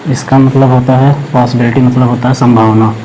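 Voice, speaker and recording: A man teaching English grammar, explaining in Hindi and slowly dictating words while he writes them on a board. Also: medium pitch, level tone, warm tone, slight background noise, poor audio. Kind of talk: classroom lesson explaining grammar.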